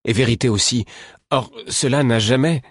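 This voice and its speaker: A man narrating a novel in a measured storytelling voice. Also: mid-range voice, husky, no echo, studio quality. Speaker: audiobook narrator. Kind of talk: scripted narration.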